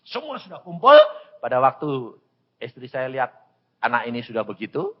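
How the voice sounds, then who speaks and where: A man's voice: mid-range voice, normal speed, lo-fi sound. A man, telling a personal testimony in a sermon and acting out the dialogue as he goes. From Central Java, Indonesia. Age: 80s. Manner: animated storyteller who acts out dialogues. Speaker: evangelist preacher.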